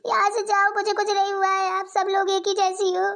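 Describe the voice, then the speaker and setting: A whiny young sister-in-law in a cartoon, sulking and tearful, voiced by a woman. Her voice sits very high, almost childlike, as she complains between sobs. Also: little pitch movement, moderate pace, vocal fry, a bit bright, heavily acted. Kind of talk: cartoon voice acting.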